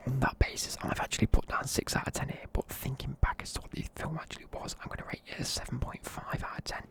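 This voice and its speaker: A YouTuber who reviews films whispers close to the mic in ASMR style, sounding tired and sleepy. The review rambles loosely with lots of fillers, delivered in a mid-range voice that is gravelly and a bit bright.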